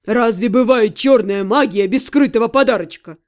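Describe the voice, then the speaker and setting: In this audiobook reading, a woman gives voice to a sarcastic, self-satisfied male demon lord. Her pitch sits a little high and her tone stays natural, her moderate pace carrying a sardonic sneer.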